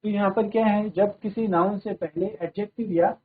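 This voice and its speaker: A male English teacher, giving a classroom grammar lesson in a steady manner and often checking that everyone follows. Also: high voice, moderate pace, a little hiss or hum. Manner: steady, repeats "ठीक है" to check understanding. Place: broadcast studio classroom. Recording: tinny phone-like audio.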